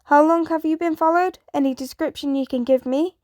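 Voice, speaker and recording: An anxious young male superhero who speaks with urgency and tries to reassure, as a woman reads him out. The voice is high and dry, close to the reader's own. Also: steady tone, a little fast, darkish tone, no echo, natural voice. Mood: urgent.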